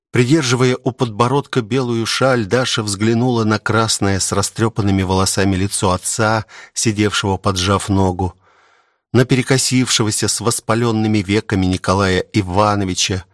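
A man reading a novel aloud as an audiobook narrator, slow and measured. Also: on the low side, dry recording, clean studio sound.

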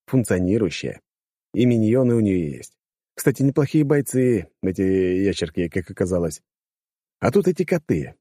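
A man reading a first-person audiobook in a brash, coarse, lively way, close to the mic. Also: lowish voice, dry recording. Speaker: audiobook reader.

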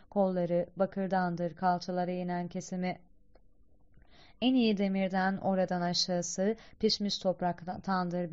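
A woman's voice: lowish voice, darkish tone, smooth, natural voice. Woman reading as a grave old guide poet. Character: stern wise old male guide poet. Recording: slightly dull lo-fi recording.

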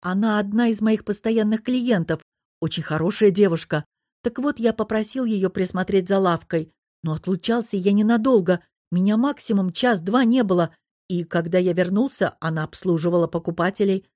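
A woman's voice: medium pitch, moderate pace, a little mellow, dry recording, lightly acted. A nervous old male artificer, fussing and pleading with his betters, as a woman reader puts him on. He frets over every answer with a worried, eager-to-please manner. The reading sounds dry and close. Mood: anxious. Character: fussy anxious old male shopkeeper artificer. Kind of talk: audiobook character voice.

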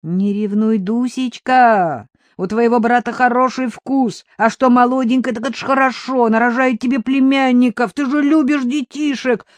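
A woman voicing a jovial brother-in-law who jokes warmly with the family. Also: a little high, steady tone, normal speed, no echo, voice pushed up, natural voice. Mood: hearty. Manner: hearty, joking.

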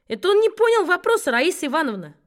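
A woman's voice: very high-pitched, big pitch swings, fast talker, voice pushed up. A woman voicing a sly schoolboy friend who speaks with a put-on innocence.

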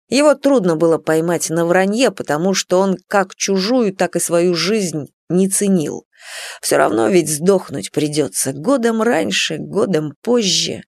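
A woman reading an audiobook with measured, dramatic storytelling. Her voice sits at a middle pitch, recorded close and dry with no room sound. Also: a little mellow, no room sound. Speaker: audiobook narrator. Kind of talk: scripted audiobook narration.

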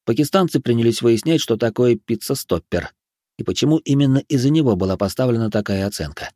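Expressive male narrator, lively pitch, dry booth sound. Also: fairly quick, no echo. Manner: animated, expressive. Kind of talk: audiobook narration.

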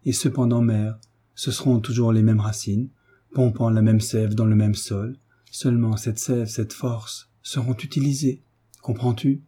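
Man reading fervent teenage son, husky low timbre, earnest, grateful. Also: steady tone, measured pace, warm tone. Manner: fervent, rising with emotion. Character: ardent teenage boy, grateful and eager. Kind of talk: audiobook character reading.

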